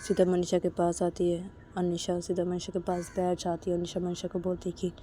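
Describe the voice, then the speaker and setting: A woman's voice: on the low side, completely flat delivery, mellow, a little hiss or hum. A woman narrating a romance story in a casual, plain, repetitive retelling. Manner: slow, plain recounting with repeated phrases.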